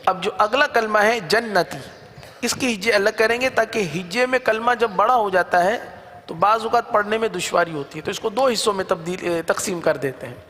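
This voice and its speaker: High-voiced man teaching slow recitation. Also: sharp tone, in a large hall. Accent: Urdu. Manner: drawn-out chanted syllables between quick explanations. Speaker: Quran reading teacher. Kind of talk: slow spelled-out recitation lesson.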